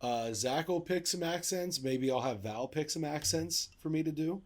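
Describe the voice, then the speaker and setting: Husky young male co-host, joking, self-deprecating, relaxed casual talk. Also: a little high, normal speed. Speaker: podcast co-host. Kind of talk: casual chat.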